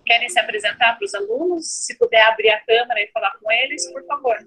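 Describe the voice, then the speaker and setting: A woman's voice: on the high side, fast, pushed and bright, breathy edge, rough recording. A Brazilian woman teacher on a video call, explaining to the class with hesitant fillers. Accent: Brazilian Portuguese. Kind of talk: online class announcement.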